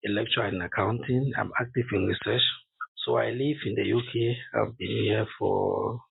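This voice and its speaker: A man's voice: lowish voice, fairly even intonation, moderate pace, vocal fry, husky. A middle-aged man from Cameroon, a university lecturer, telling his story in an interview with many restarts and fillers. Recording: tinny phone-like line.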